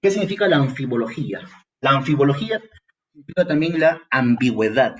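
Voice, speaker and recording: A man with a Peruvian Spanish accent teaches an exam-prep grammar lesson for entrance exams, his medium-pitched voice moving fairly quickly through a muffled recording. He's lively, talks straight to the student, and sometimes acts out the student's questions.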